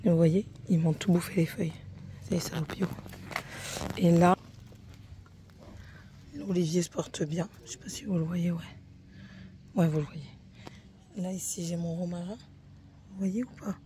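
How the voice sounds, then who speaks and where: A woman's voice: on the low side, fairly even intonation, measured pace, pauses often, mellow, slight background noise. A woman chatting casually to her phone camera outdoors in a garden, swearing freely and getting heated as she talks. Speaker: vlogger.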